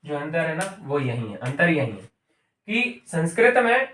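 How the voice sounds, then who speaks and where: A man's voice: a little high, very animated, unhurried, fairly bright tone, distant mic, slight background noise. A man teaching a grammar lesson, explaining step by step and repeating each term as he goes. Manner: explains step by step, repeating terms and asking "ठीक है". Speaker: Sanskrit and Hindi grammar teacher. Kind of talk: classroom-style grammar lesson. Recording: echoey room, voice from off-mic.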